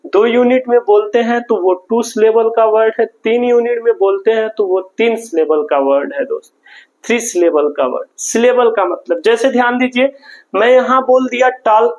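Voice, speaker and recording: A man's voice: high-pitched, rough recording. A man teaching a grammar lesson in an online class, explaining patiently and repeating words and phrases. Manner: patient, repetitive explaining, often says "friend".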